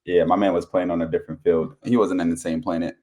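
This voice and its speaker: A man's voice: low voice, level tone, quick pace, dark tone. A man co-hosting a sports podcast, giving casual analysis of games. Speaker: podcast co-host.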